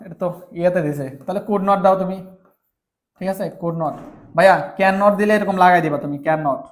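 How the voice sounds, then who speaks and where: A man's voice: high voice, normal speed. A man with a Bangladeshi Bengali accent teaching English grammar, spelling words letter by letter and often checking that his students follow. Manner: calls students brother, asks if they follow. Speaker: English tutor. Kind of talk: online grammar lesson.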